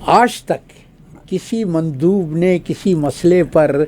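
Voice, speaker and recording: An older man from Pakistan, a retired diplomat and guest analyst, gives formal commentary at a measured pace and pauses with drawn-out fillers. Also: fairly high pitch, a little mellow, slight background noise.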